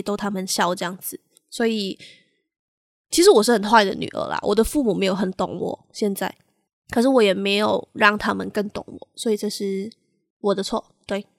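A young woman co-hosting a podcast, telling a personal story in a halting, candid way and slipping into English phrases now and then. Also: medium pitch, steady tone, no echo, clean studio sound. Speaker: podcast co-host.

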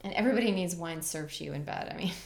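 A woman's voice: lowish voice, rapid-fire, creaky, echoey room. A woman co-hosting a podcast in casual chat, playful and profane and laughing often. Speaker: podcast co-host.

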